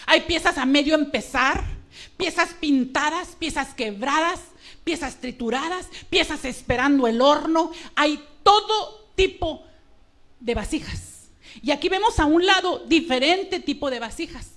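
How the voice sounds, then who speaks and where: A woman's voice: sits high, fairly bright tone. A woman preaching a sermon with emotion, speaking emphatically and directly to her congregation. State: emotional, trembling.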